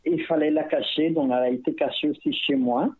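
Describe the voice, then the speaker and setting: A woman's voice: low voice, fairly even intonation, a little fast, breathy edge, no echo. A middle-aged woman with a foreign accent, a singer-songwriter talking casually as a radio guest, rambling with many hesitations. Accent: foreign accent in French. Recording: tinny phone-line sound.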